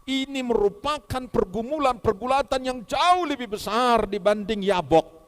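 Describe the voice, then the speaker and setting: Man, high voice, emphatic sermon, soft asides and loud exhortation. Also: animated, normal speed. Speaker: pastor.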